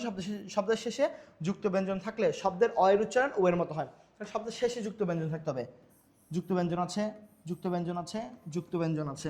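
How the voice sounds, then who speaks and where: A male Bangla teacher lecturing on pronunciation rules, asking questions and answering them himself while repeating example words. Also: high-pitched.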